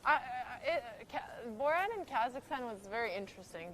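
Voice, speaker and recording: A woman's voice: on the high side, big pitch swings, fairly quick, fairly bright tone, a little hiss or hum. A young woman streamer chatting casually with viewers as she walks along, upbeat and addressing her audience. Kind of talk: casual live-stream chat.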